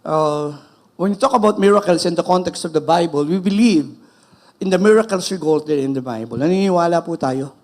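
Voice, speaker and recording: A man's voice: fairly high pitch, moderate pace, a little mellow. A man with a Filipino accent preaching a sermon as pastor, emphatic and switching between English and Filipino.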